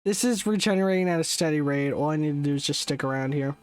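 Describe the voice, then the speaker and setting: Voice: medium pitch, quick pace, clear, resonant tone. A young adult game streamer chatting casually during a live session, rambling, correcting themselves often and swearing offhandedly. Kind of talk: casual live gameplay commentary.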